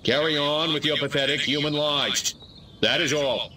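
An actor playing an alien disguised as a human mayor, giving stiff, mechanical announcements while pretending to be human. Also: male voice, on the high side, normal speed. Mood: stiffly reassuring. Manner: stiff, flat, mechanical pronouncements. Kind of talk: video game cutscene acting. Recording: distant voice with clear background noise.

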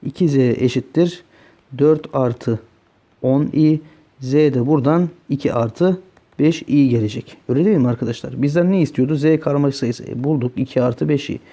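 A male math tutor with a very dark, mellow voice talks through each step of a problem. He keeps asking his students whether they are following along. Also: mid-range voice, normal speed. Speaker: math teacher. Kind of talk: solving exam questions on a board.

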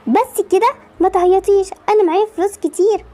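A woman's voice: very high-pitched, steady tone, fast talker, mellow. Woman voicing a kind teenage sister. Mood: concerned. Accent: Egyptian Arabic. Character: kind older sister, teen girl, generous, hardworking.

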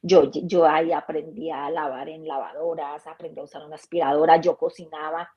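A woman guest telling her story in a casual, animated way, acting out the dialogue of her anecdotes. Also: low-pitched, a little fast, breathy edge, highs cut off. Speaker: interview guest.

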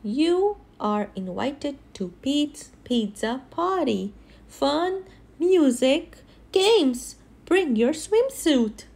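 A woman reading a picture book aloud as if to a toddler, sing-song and expressive, stressing key words. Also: sits high, very slow, gravelly. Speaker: storybook reader.

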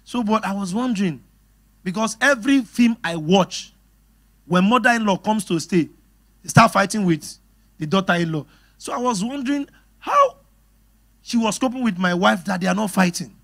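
A middle-aged man with a Nigerian English accent preaching a sermon on marriage. His voice sits a little high for a man. He is lively and laughs readily as he speaks directly to his congregation. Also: moderate pace, creaky, long pauses. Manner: animated, laughing, talks straight to the congregation. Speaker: pastor.

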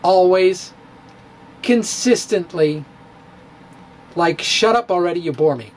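A middle-aged man gives a dramatic reading of his own physics blog, wry and theatrical, with playful asides. His high voice is expressive and slow. He stands at a studio mic in a small room in front of bookshelves.

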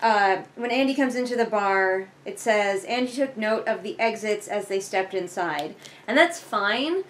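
A young woman reading along for a book review offers unhurried, expressive commentary in a medium-pitched voice, rambling and sarcastic with offhand swearing. She's indoors on her living room couch, and a camera a few feet away picks up noisy audio.

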